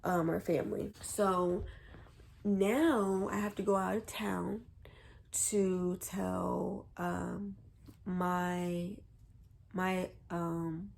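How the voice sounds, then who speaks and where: Slow, gravelly-voiced young woman vlogger. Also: on the low side, steady tone, darkish tone. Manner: rambling, hesitant, many fillers. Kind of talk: casual storytelling to camera.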